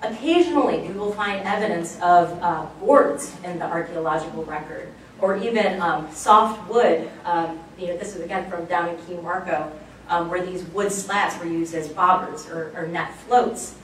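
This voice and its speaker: A woman with a fairly low voice, speaking at a moderate pace, gives a chatty, enthusiastic public lecture on archaeology, using many fillers. She is recorded from far off in a lecture room, with a distant mic, heavy echo, and faint background noise.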